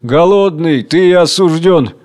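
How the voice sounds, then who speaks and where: A man's voice: fairly high pitch, slow pace, darkish tone, in a large hall, voice pushed up. A man voicing a cold, imperious male ruler who interrogates and sentences the poor in a read-aloud play. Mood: stern.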